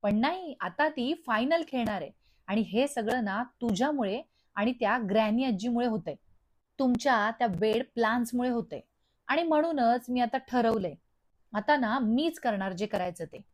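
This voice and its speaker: A woman's voice: on the high side, normal speed, lightly acted. A woman reading out a furious spoiled young rival. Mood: angry. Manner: snapping, threatening.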